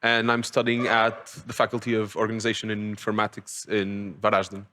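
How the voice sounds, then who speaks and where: Young man, low and polite. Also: monotone, a little fast, sharp tone. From Portugal. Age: young adult. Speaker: panel guest.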